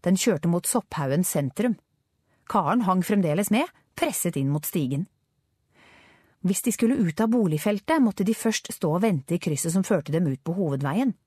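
A woman narrating a children's adventure story with expressive storytelling. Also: lowish voice, breathy edge, no room sound, clean studio sound. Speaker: audiobook narrator. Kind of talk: scripted narration.

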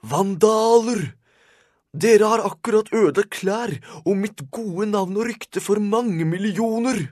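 A man voicing a snobbish old man in a hat who shouts in outrage, in an audiobook. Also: medium pitch, dry recording, studio quality, close to an everyday voice. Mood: furious. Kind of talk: audiobook character voice.

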